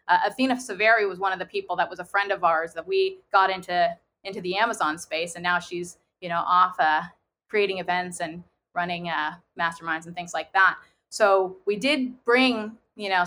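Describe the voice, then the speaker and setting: Very bright-voiced woman telling her story. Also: on the low side. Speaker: podcast guest, online seller. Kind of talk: conversational interview storytelling.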